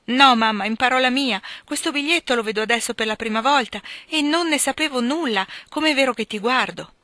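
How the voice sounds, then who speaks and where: A woman's voice: lowish voice, brisk, sharp tone, no room sound. A woman reading aloud and voicing a hot-tempered, outspoken teenage girl in a storybook reading. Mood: indignant. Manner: indignant, outspoken.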